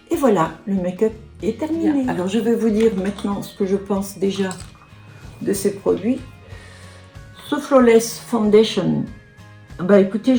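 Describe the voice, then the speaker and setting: Here a sixties-aged beauty vlogger talks in a mid-range, dark-toned voice. Casual and chatty, she walks through a makeup tutorial and product review, peppering it with small asides, "hein," and "voilà."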